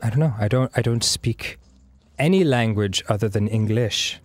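A man in his thirties whose first language is Hebrew co-hosts a gameplay session, chatting casually. His voice is on the low side, at a moderate pace. He rambles with lots of fillers and laughs.

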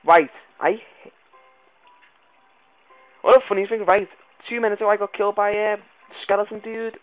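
A man's voice: high-pitched, moderate pace, no room sound, faint music behind. Jumpy man, tinny lo-fi mic. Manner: jumpy and excitable, swears and yells when startled. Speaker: gaming video creator. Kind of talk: let's play commentary.

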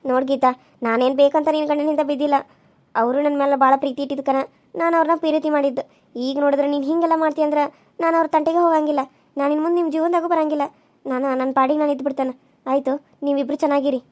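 A guilty young mistress in a village cartoon, put on by a woman, pleading quietly and meekly. Her voice is high, though lowered from the wife's. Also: fairly even intonation, very fast, lightly acted.

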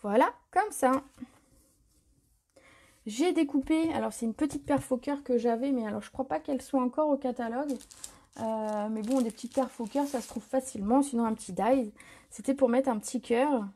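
Demonstrating a paper craft technique live, a woman talks in a relaxed, chatty way at a moderate pace. Her voice is high-pitched. She often stops to correct herself, laughing at the slip-ups.

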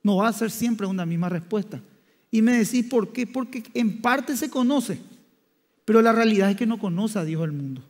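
High-voiced pastor preaching in a hall. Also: male voice, expressive, a little mellow. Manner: halting, with many restarts and "diríamos" fillers. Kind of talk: sermon. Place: church hall. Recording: long church hall reverb.

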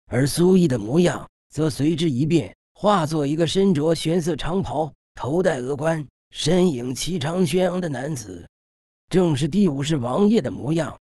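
A man narrating a fantasy audiobook in a steady, dramatic storytelling manner, recorded in a studio. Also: on the high side, moderate pace, dry recording.

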